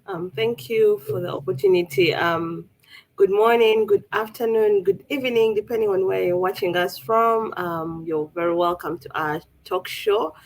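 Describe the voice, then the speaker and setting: A woman's voice: medium pitch, normal speed, a little hiss or hum, rough recording. A woman from Uganda co-hosting a live online talk show, hesitant with frequent ums. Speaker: co-host.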